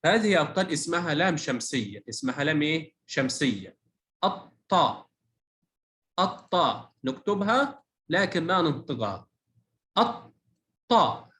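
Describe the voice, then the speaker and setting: A male teacher with a bright, sharp voice leads a children's reading lesson. He drills short sounds one at a time, asks questions for the class to answer back, and praises often. His voice sits high. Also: big pitch swings, slight background noise. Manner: drills syllables slowly with call-and-response questions; encouraging praise.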